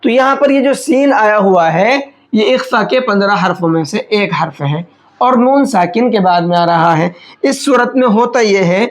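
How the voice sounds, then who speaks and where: A man gives a step-by-step tajweed lesson on Quran recitation rules, asking questions aloud and answering them himself. His voice sits high, and he slows right down to recite the example words.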